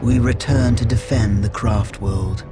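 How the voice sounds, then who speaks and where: Guy playing proud alien ranger in a game, lowish stately voice, earnest, loud music behind. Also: measured pace, lightly acted. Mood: solemn pride. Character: proud, solemn male Eldar wandering warrior. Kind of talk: video game unit voice lines.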